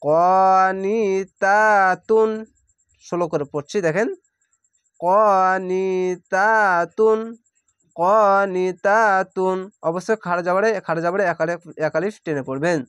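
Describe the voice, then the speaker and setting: Guy teaching quran reading, quick rules then slow stretched-out words, dry close sound. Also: sits high, dry recording. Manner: explains rules briskly, then recites words very slowly and drawn out. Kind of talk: spelling-out Quran reading lesson.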